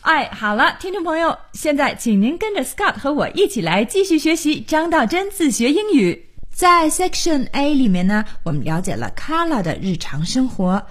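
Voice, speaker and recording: A woman's voice: high-pitched, sing-song, normal speed, a bit bright. A woman hosting a studio radio lesson, patiently explaining words and spelling them out letter by letter. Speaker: radio English teacher.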